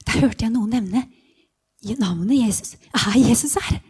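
A woman voicing a hushed, hopeful blind beggar. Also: on the high side, slightly rough. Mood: hushed eager. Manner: hushed inner monologue, often whispered. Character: blind male beggar longing to be healed. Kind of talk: first-person guided Bible meditation.

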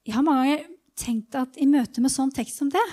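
A woman gives a sermon in a relaxed, conversational manner, often pausing on fillers as she goes. Her voice sits high. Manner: informal and hesitant, with many fillers. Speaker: preacher. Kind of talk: sermon talk to a congregation.

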